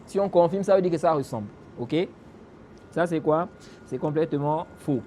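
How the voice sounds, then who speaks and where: A man with a rather high voice teaches a religious lesson, putting rhetorical questions to his listeners and answering them. He breaks into recited Arabic phrases between explanations. Faint background noise and the odd passing vehicle can be heard. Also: moderate pace, mellow. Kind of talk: explaining a classical text in a lesson.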